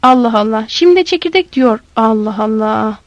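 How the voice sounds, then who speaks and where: A woman's voice: fairly high pitch, animated, moderate pace, dry recording. A woman voicing a puzzled old male street sweeper who exclaims in bewilderment.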